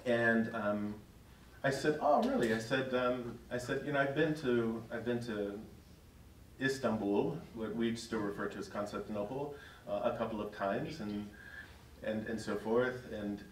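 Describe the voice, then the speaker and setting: With a mid-range voice, lively intonation and a measured pace, a middle-aged male priest chuckles his way through a conversational story for his parish. He stands before an audience in a church hall, captured by a distant mic with echo and slight background noise.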